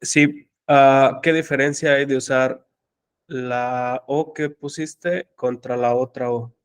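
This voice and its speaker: A man's voice: medium pitch, fairly even intonation, slow, clear, resonant tone. A man who is a student in an online class, asking brief, polite questions.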